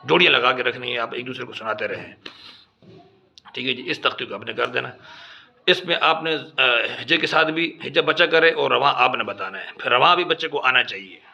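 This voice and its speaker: A man's voice: medium pitch, vocal fry, bright, forceful tone. A man teaching other teachers how to instruct children in Quran reading, patiently spelling out drill syllables one by one. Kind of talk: instructional talk. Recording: dull lo-fi recording.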